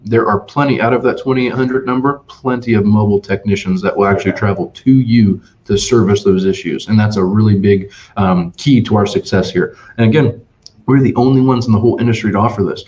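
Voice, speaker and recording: Man, low voice, animated sales storyteller, dull lo-fi webinar audio. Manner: animated and emphatic, with many restarts. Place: Ohio dealership office.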